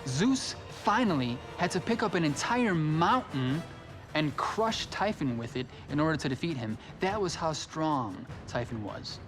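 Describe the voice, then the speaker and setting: A man's voice: a little high, big pitch swings, unhurried. A man giving explanatory, storytelling commentary as a documentary interviewee. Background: music.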